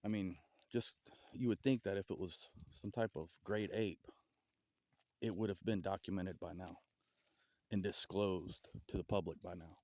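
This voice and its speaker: Low-voiced rambling Southern man outdoors. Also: fairly even intonation, darkish tone. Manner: rambling, halting, with stutters and restarts. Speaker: vlogger. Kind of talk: casual outdoor vlog musing. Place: outdoors in a forest.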